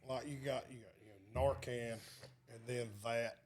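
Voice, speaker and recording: A man's voice: mid-range voice, flat delivery, normal speed, a little mellow. A man with a Southern accent, making dry wisecracks in a casual chat.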